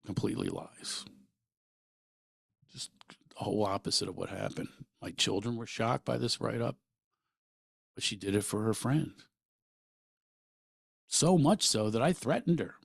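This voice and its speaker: A middle-aged man from Pennsylvania hosting a podcast, telling stories in an animated, rambling way full of asides. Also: on the low side, unhurried, creaky, pauses often, slightly rough, no room sound. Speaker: podcast host, comedian. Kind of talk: storytelling monologue.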